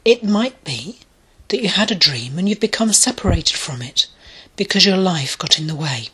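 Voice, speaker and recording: A woman leading a guided meditation in a soft, soothing voice that often drops to a breathy near-whisper. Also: on the low side, lively intonation, moderate pace, rough recording. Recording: clear music bed behind the voice.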